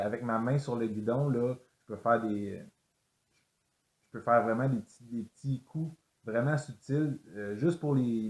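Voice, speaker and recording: A man's voice: fairly low pitch, a little mellow, roomy sound. A man explaining a sled dog exercise, hesitant with many fillers and restarts. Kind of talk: instructional explanation.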